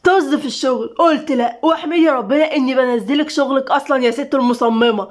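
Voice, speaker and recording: A harsh, sneering husband with an Egyptian accent barks and mocks in a spoken storybook, voiced by a woman. The delivery is quick and clipped. The voice sits high for a man. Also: lightly acted. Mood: scornful. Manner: harsh, mocking. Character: gruff controlling husband, man, middle-aged.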